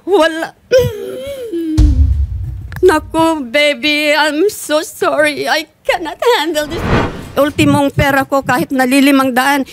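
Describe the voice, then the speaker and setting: A woman's voice: high-pitched, no room sound. An older woman airing a tearful, pleading complaint against her husband, mixing Tagalog and English. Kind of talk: emotional public complaint.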